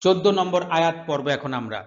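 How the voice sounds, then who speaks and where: A man teaching Quran recitation online, correcting pronunciation and stretching the recited words out slowly. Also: on the high side, animated, roomy sound. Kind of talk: online tajweed lesson, reciting and explaining. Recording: dull lo-fi recording.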